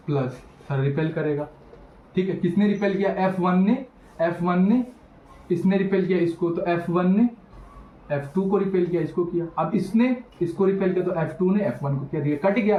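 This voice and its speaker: A high-voiced man teaches physics in an animated, teasing way, talking straight to his students. His voice bounces around an echoey room. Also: muffled recording. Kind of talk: classroom lecture.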